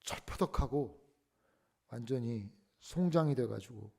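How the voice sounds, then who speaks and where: A male pastor preaching a sermon, telling a story that swings between hushed tones and loud outbursts. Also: medium pitch, expressive, measured pace, creaky, breathy edge. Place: church sanctuary.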